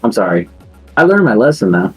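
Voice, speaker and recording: A man's voice: on the low side, sing-song, fairly quick, breathy edge, soft background music, poor audio. A man chatting casually as a player in a tabletop game stream, joking and laughing often. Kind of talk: casual chat between players.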